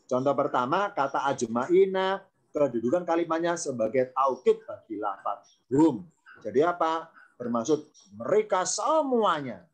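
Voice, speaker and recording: A man, his voice sitting a little high, leads an online grammar class. He explains patiently, repeats each key term and stops to quiz his students. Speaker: Arabic grammar teacher.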